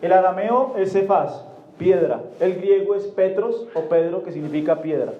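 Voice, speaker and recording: A man's voice: high-pitched, normal speed, roomy sound, phone-quality sound. A man preaching a sermon in a church, explaining Bible passages and often checking that the congregation understands.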